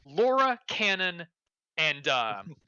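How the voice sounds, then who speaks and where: Animated, bright-voiced male game master. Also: a little high, takes it slowly, clean tone, dry recording, lo-fi sound. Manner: animated, amused. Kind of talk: improvised tabletop game narration.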